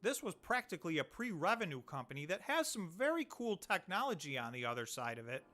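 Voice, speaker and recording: Bright-voiced man explaining stocks. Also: high-pitched, sing-song. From upstate New York. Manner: explanatory, measured, thinks aloud with fillers. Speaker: co-host. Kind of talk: casual livestream chat about stocks.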